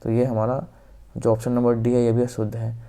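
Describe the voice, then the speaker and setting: A man with a North Indian Hindi accent teaching exam-prep grammar in a steady, flat delivery. His voice is dark and mellow, and he works through each question methodically, repeating the answers. His phrases often trail off softly at the end. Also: medium pitch, a little fast. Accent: Hindi-speaking North Indian. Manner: explains step by step, repeats answers, often says "ok".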